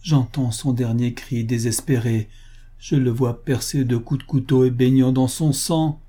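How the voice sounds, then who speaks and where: A man's voice: fairly even intonation, a little slow, mellow, close to an everyday voice. A man voicing a grief-stricken young kidnapped bride, reading a pulp adventure audiobook in anguished outbursts. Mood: horrified. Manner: sobbing, breathless outbursts, rising pitch in grief.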